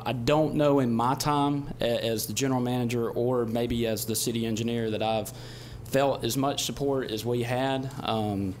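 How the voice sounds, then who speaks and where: A middle-aged man giving a measured, explanatory report at a podium microphone in a meeting chamber. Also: mid-range voice. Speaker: utility general manager. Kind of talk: semi-formal spoken report at a public meeting. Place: indoor council chamber. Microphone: podium gooseneck microphone. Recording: background noise, room ambience.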